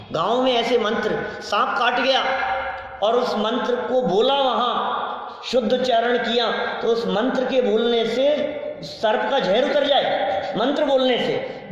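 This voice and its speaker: A man with a fairly high voice teaches a class in a large hall, chanting verses slowly and firing questions at his listeners. The sound is dull and heavily echoed, with a long reverb trailing each phrase. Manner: keeps quizzing the listeners. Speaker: religious teacher. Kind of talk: lecture to a class.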